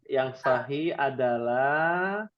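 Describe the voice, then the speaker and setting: A man's voice: mid-range voice, expressive, slow pace, lo-fi sound, over a noisy crowd. Male Quran teacher, quizzing. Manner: quizzes students with playful questions. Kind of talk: interactive religious class.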